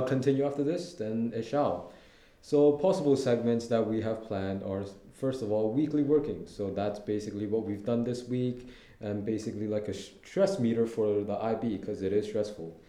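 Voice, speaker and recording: Teen boy co-host, very mellow dark tone, roomy echo. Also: medium pitch. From Hong Kong. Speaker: podcast co-host. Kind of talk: casual explanation. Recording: echoey room.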